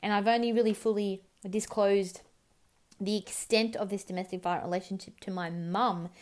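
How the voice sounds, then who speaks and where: A young woman with an Australian accent recounts her own experience in plain, unfiltered speech. She swears freely and drops quick mimicked lines from other people into the story. Her voice sits at an ordinary pitch. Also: fairly even intonation, a little mellow. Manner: candid and raw, swears freely, quotes others in bursts. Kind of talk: personal story told to camera.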